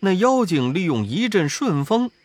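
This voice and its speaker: A man narrating a classic storybook tale with expressive rises and falls. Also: high voice, moderate pace. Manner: expressive, rising and falling for effect.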